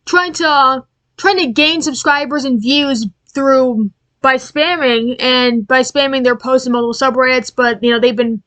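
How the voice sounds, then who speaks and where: Rambling woman vlogger, high dry voice. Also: fairly even intonation, moderate pace, fairly bright tone, dry recording, low-quality recording. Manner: rambling, full of fillers and restarts. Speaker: YouTuber ranting about channels. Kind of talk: casual unscripted rant.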